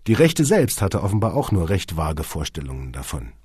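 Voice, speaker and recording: A low-pitched man reads an audiobook in a lively, animated way with wry storytelling. His voice is husky and the sound is dry and close. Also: moderate pace, no room sound. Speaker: audiobook narrator. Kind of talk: audiobook reading.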